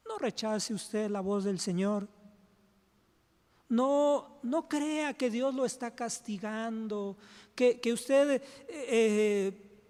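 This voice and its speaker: A man's voice: very high voice, a little mellow. A male pastor closing a sermon and leading a fervent prayer in a church, repeating the words for God between every phrase. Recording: music playing behind the voice.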